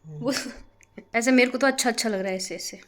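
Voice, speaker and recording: A woman's voice: a little high, expressive, brisk, a bit bright. A young woman chatting playfully to camera in a casual home vlog. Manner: playful, chatty, giggling through a drying face mask. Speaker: vlogger.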